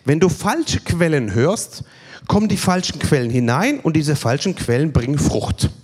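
A man's voice: fairly high pitch, expressive, moderate pace, a little mellow, husky. A man preaching a sermon at a healing service, emphatic and repetitive, counting through numbered points. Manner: emphatic, repeats key phrases, counts points.

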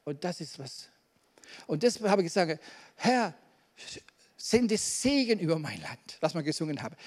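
Male preacher, high voice, fervent sermon delivery with Amens, big reverberant church hall. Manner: emphatic preaching with Amens and questions to the congregation.

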